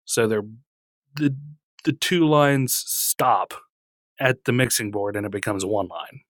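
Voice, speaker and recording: On a studio mic running through a mixer, a man co-hosts a casual podcast, joking, teasing his co-host and laughing often. His voice is fairly low and slow, with no room sound.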